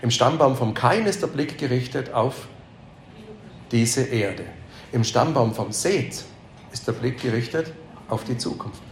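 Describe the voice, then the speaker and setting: A man's voice: mid-range voice, expressive, measured pace, pauses often, a little hiss or hum. A man teaching a Bible lesson to a live group, asking them questions and repeating their answers, with emphatic repetitions. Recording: echoey room.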